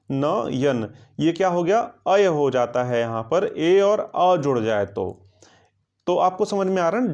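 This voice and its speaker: A man teaching a grammar lesson for exam coaching. He asks his students questions, answers them himself, and repeats words slowly to drill them. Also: on the high side, a little mellow, dull audio.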